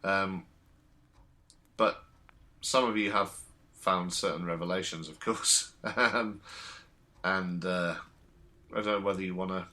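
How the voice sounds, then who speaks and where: A man's voice: sits low, fairly even intonation, takes it slowly, pauses often, bright, forceful tone. A man working as game master, narrating in a casual, colloquial, loosely improvised way.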